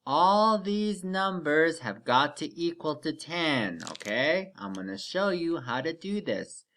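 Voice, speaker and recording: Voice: mid-range voice, expressive, fairly bright tone. A teacher leading a children's math lesson like a kids show host, counting aloud step by step, asking simple questions and encouraging the listeners. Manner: slow, step-by-step, repeatedly checking with "okay?".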